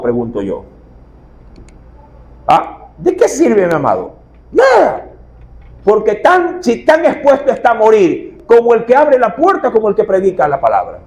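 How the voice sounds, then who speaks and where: A middle-aged man preaching. His voice sits high and leaps up and down with great animation. He keeps turning to the congregation with rhetorical questions. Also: a little mellow, poor audio. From Ecuador. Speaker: pastor. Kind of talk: sermon.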